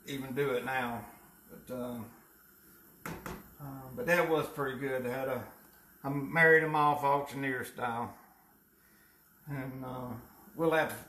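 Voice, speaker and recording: A man's voice: mid-range voice, fairly bright tone, a little hiss or hum. An older man with a Southern US accent, chatting casually and telling folksy, rambling stories while cooking in a home kitchen, picked up by a camera a few feet away. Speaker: cooking show co-host.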